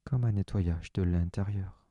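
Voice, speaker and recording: A man with a very deep voice guides a slow relaxation session. He speaks softly and calmly, in the first person, leading breathing and stretching. The sound is dry and close, with no room echo. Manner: slow, soft, calm first-person instructions.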